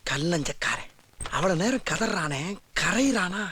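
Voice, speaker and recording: An actor playing a boastful, soft-hearted head constable in a comedy film, with a pompous, melodramatic and whiny delivery. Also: male voice, sits high, expressive, a little slow, a crowd in the background. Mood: sentimental. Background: film score.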